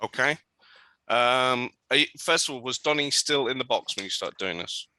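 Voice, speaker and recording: A man running a tabletop game as game master, relaxed and full of ums as he describes scenes and rules on rolls. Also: mid-range voice, normal speed, no room sound.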